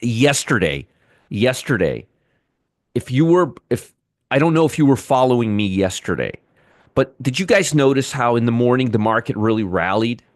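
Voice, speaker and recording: A man's voice: medium pitch, expressive, moderate pace, no room sound, clean studio sound. A middle-aged man hosting a live trading show, giving market commentary and answering chat viewers by name, often repeating himself.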